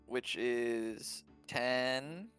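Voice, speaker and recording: A man's voice: mid-range voice, drawn-out words, a bit bright, faint music behind. A man playing a tabletop game, thinking aloud in a hesitant way with many fillers as he works through his turn. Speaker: player. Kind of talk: casual tabletop game play.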